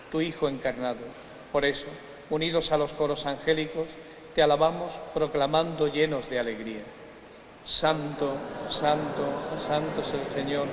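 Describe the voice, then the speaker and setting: Priest with a cathedral echo. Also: male voice, fairly high pitch. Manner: slow, measured, reverent phrasing. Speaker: priest celebrating Mass. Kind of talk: solemn liturgical recitation. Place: large church. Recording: echoey church with long reverb, faint hiss.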